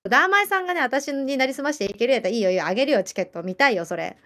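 A woman with a Kyushu accent chatting casually as a livestream host, lively and laughing often while answering viewer comments. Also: sits high, rapid-fire. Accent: Kyushu Japanese. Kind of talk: casual chat.

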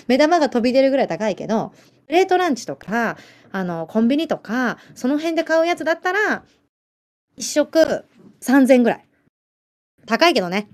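A woman with a Kyushu accent chatting casually as a livestream host, lively and laughing often while answering viewer comments. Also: sits high. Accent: Kyushu Japanese. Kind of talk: casual chat.

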